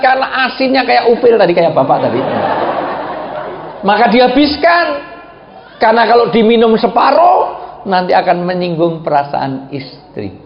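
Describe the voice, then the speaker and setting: Gravelly, joking preacher. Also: male voice, high voice, a little hiss or hum. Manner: animated and joking, acts out voices. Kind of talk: sermon. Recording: echoey, dull hall recording.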